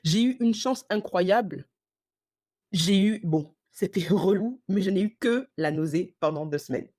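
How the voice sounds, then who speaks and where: A woman hosting a casual storytelling podcast, animated and slangy, acting out the dialogue as she tells it. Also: medium pitch, unhurried, no room sound, studio quality. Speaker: podcast host.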